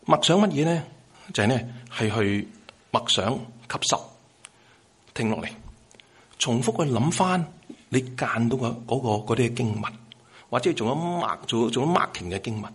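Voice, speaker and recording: A middle-aged male pastor preaching in a lively, conversational way, asking his listeners questions. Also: medium pitch, normal speed, long pauses, husky. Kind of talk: sermon on devotional practice.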